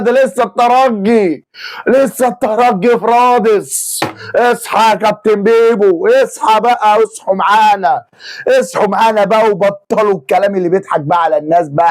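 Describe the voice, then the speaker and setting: A man's voice: high voice, a little mellow. An Egyptian man ranting as an angry football fan, exasperated and repeating his phrases over and over. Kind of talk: angry fan reaction rant.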